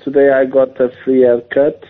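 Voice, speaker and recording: Male radio caller on a tinny landline phone, mid-pitched, halting, keeps restarting his sentences. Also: flat delivery. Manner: hesitant, stumbling restarts. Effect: heard over a landline phone. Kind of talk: casual chat. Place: phoning in from elsewhere.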